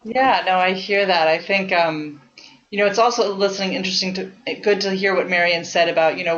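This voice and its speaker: A woman's voice: lowish voice, fairly bright tone. A woman leading a health course over an online call, encouraging and talky, with lots of fillers. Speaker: course leader, health coach. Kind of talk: coaching call with a participant. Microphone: online conference call. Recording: dull lo-fi call audio.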